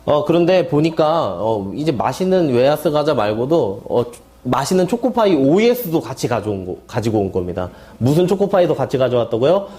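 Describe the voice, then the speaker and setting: A man's voice: mid-range voice, very animated, fairly quick, hardly any pauses, warm tone. A man teaching a Bible seminar class, playfully asking the group questions and answering them himself with wordplay. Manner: playful mnemonic wordplay, asks and answers his own questions. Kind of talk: classroom lecture with call-and-response. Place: lecture hall at a seminary.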